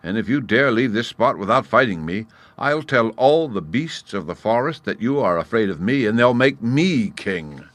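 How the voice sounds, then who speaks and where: Storybook gnat, small and smug, mocking tone, a bit raised and bright, read by a man. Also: fairly low pitch, sing-song, moderate pace, hardly any pauses, no echo, voice pushed up. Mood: taunting. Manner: disdainful, cheeky. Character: tiny cocky male gnat, disdainful and clever.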